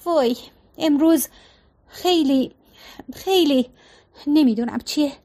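A woman's voice: high voice, warm tone. A woman reading aloud as a tired, exasperated middle-aged wife with a sarcastic edge. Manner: fed-up, sarcastic.

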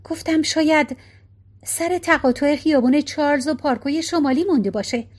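A woman's voice: high voice, lightly acted. A woman reading a storybook voicing a carefree, scatterbrained middle-aged woman who answers offhandedly. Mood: airy.

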